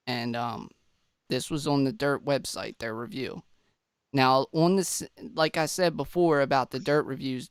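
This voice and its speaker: A man's voice: mid-range voice, smooth, no room sound, studio quality. A man hosting a casual case walkthrough, a little stuffy and out of breath, chatting to viewers. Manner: chatty, addresses viewers as guys, restarts. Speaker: true-crime video host.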